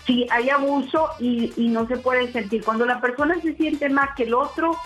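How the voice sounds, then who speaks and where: A woman from Venezuela with a slightly Chilean-tinged accent, calling a radio show. She speaks politely and warmly, agreeing readily. Faint music sits under her voice. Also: high-pitched, steady tone, moderate pace. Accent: Venezuelan with Chilean touches. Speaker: caller.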